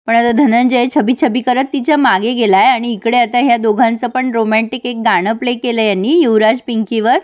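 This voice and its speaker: A woman hosts a chatty recap of a serial, talking straight to her viewers. Her voice sits a bit high, and she keeps a relaxed, running commentary going. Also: normal speed, hardly any pauses. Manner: chatty, addresses viewers directly.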